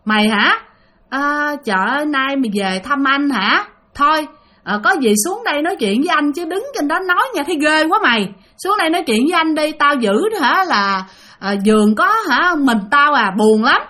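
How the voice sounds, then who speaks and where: A bold old grandfather , as a woman narrator puts him on, coaxing and steady despite his fear. He speaks in a bright, lively voice. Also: high voice, normal speed, pitched above the performer's own voice. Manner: coaxing, forced calm.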